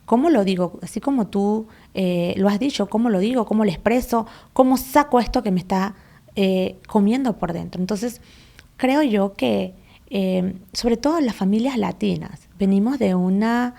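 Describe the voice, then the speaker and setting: A woman's voice: mid-range voice, normal speed, vocal fry, warm tone. A woman hosting a podcast, asking reflective questions in a thoughtful, slightly hesitant way. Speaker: podcast host. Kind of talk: conversational interview.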